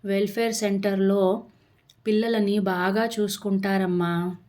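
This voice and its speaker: A woman's voice: medium pitch, flat delivery, unhurried, mellow, lightly acted. A woman reading a tender, coaxing grandmother. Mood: soothing. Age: older. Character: gentle, worried grandmother soothing her grandson.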